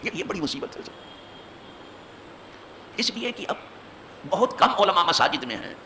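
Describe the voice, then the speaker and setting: This imam's voice is high and swings widely in pitch as he gives a hadith sermon from a mosque pulpit, with a little noise in the background. He presses his points emphatically, poses rhetorical questions, and rises to forceful peaks.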